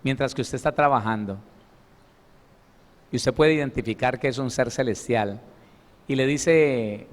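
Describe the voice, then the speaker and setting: Emphatic preacher in a reverberant hall. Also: male voice, mid-range voice, measured pace, pauses often. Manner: emphatic, rhetorical questions put straight to listeners. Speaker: pastor. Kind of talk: Bible study sermon.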